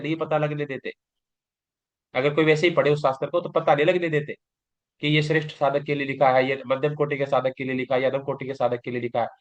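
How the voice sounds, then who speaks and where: गुरु की तरह समझाता पुरुष शिक्षक, हल्की दबी recording. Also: male voice, a little high, a bit bright. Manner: explanatory, asks and answers own questions. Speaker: yoga teacher. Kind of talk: recorded exam-prep lecture. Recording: dull lo-fi class recording.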